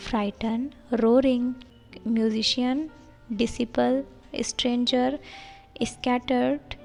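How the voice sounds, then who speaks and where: A woman explaining a lesson plan step by step, reading sample lines slowly and deliberately. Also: a little high, gravelly, darkish tone. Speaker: teacher-training tutor.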